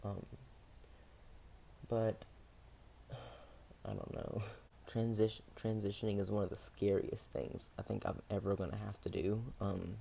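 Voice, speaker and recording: A young man with a deep, mellow voice shares his story in a personal video diary. He talks hesitantly, pausing often and filling gaps with soft fillers, and his voice has a gravelly edge. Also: level tone, a little hiss or hum. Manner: hesitant, many pauses and fillers. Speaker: vlogger.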